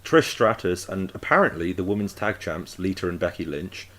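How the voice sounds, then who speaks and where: A man's voice: low voice, expressive, moderate pace, fairly bright tone. A man hosting a casual wrestling podcast, repeating words as he thinks and steering who speaks next. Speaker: podcast host. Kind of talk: casual chat, wrestling predictions.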